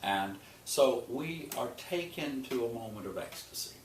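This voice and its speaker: A man who directs an opera company, retelling an opera's plot in an interview with expressive storytelling that slows on key images. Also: medium pitch. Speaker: opera general and artistic director. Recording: echoey room, distant mic, noisy.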